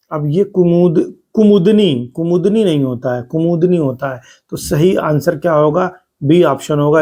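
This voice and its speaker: A man teaching exam spelling over slides, who repeats words slowly for stress and explains step by step. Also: on the high side. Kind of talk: spoken lesson over slides.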